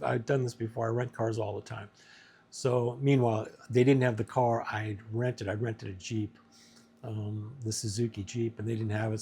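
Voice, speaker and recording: A man with a mellow, husky voice tells a personal story straight to camera. He rambles, restarts his sentences and leans on fillers as he goes. He sounds relaxed and conversational. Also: medium pitch. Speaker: vlogger. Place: indoors, natural light. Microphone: phone camera with a decent mic.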